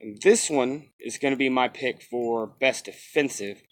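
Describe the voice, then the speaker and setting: A man's voice: medium pitch, a little slow. A man giving casual, off-the-cuff review commentary on a game, opinionated and repeating himself for emphasis.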